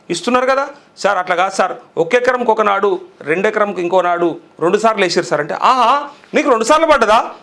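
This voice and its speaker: Male political commentator, Telangana Telugu accent, quick-talking, sarcastic and heated. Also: high voice, gravelly, fairly bright tone. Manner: sarcastic, heated, rhetorical questions.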